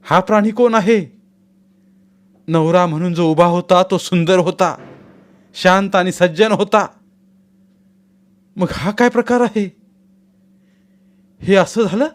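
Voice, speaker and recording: A man voicing a bewildered, frightened young bride in a storybook reading, pitching his voice up high. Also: expressive, moderate pace, long pauses.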